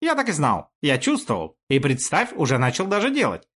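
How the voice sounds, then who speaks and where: A jovial, boastful craftsman with a slightly husky voice, as a man narrator puts him on. His speech is lively and sways up and down in pitch in an audiobook. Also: fairly quick, exaggerated voice. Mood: cheerful.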